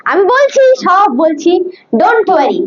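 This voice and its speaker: A woman teaching religious scripture, dictating slowly and carefully, often repeating herself and checking that her students keep up. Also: extremely high pitch, big pitch swings. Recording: dull lo-fi sound.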